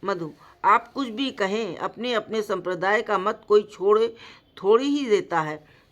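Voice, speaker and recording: A woman voicing a calm, firm male ascetic teacher in a slowly read devotional story. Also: mid-range voice, close to an everyday voice. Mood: patient. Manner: slow, measured reading voice.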